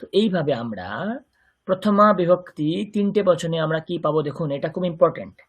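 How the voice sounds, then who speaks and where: Husky Bengali man teaching Sanskrit. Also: a little high, expressive, dull audio. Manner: patient, explains slowly and repeats words for students. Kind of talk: online language lesson.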